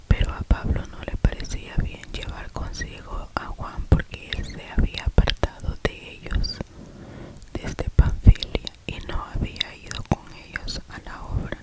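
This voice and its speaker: A person reading scripture as ASMR in a cupped-hand whisper, very close to the mic as if into the ear. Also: poor audio. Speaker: ASMR reader. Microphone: very close to the mouth.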